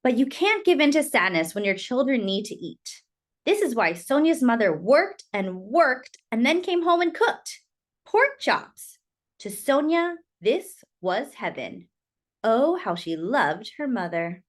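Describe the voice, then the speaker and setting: A woman with a fairly high voice reads a children's picture book aloud as a storyteller. Her phrasing is expressive and deliberate, with dramatic emphasis.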